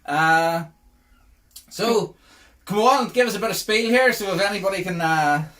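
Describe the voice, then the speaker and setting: A man's voice: high voice, a little slow, fairly bright tone. A middle-aged man with a Northern Irish accent hosting a podcast in casual, jokey chat full of laughter. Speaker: podcast host.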